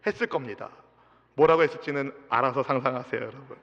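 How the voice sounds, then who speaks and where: A man, the senior pastor, preaching an impassioned sermon, swinging from loud cries to soft asides and leading his congregation in reading together. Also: medium pitch, fast talker, gravelly. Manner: leads the congregation in responsive reading. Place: church sanctuary. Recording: dull reverberant church sound system.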